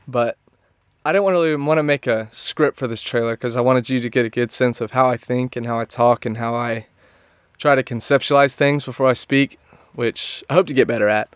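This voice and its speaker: Young male podcast host, twenties, unscripted and rambly, recorded inside a closet with a dead, dry sound and a clean, smooth voice. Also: mid-range voice, brisk, no echo. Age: 20s. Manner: casual, rambling, thinks aloud with many "like"s. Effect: close, muffled closet sound. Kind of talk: unscripted podcast trailer monologue.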